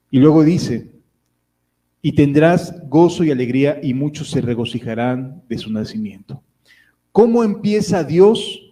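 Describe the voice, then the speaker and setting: A man preaching a sermon, reading verses and then unpacking them in an easy, conversational manner. His voice is mellow and warm, at a middle pitch, with the odd filler as he thinks aloud. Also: poor audio. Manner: explanatory, reads Bible verses aloud then comments, with fillers.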